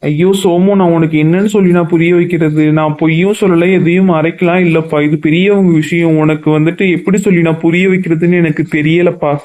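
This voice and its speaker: A man's voice: fairly high pitch, fairly even intonation, a little fast, few pauses, a little mellow, close to an everyday voice. A man voicing a loving, strained father. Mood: pleading. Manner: pleading, then scolding. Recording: dull lo-fi sound.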